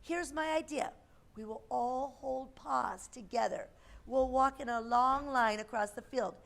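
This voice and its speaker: A woman's voice: high voice, unhurried, creaky, a bit bright, full character voice. A woman reading a children's storybook, voicing an earnest, eager young rabbit who takes charge. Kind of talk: children's storybook read-aloud.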